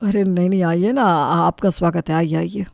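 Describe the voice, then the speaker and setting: Woman doing a nervous, placating cartoon wedding host with a gravelly edge. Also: fairly low pitch, fairly even intonation, normal speed, darkish tone, no echo, clean studio sound. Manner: harried, placating, stammering. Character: flustered middle-aged male host of the wedding. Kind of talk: cartoon voice acting.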